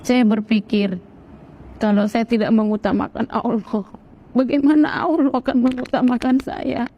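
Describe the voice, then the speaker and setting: A woman from Sumatra gives a personal testimony in an earnest, animated way. Her voice sits somewhat high for a woman. She slips into other people's voices when she quotes them. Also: normal speed.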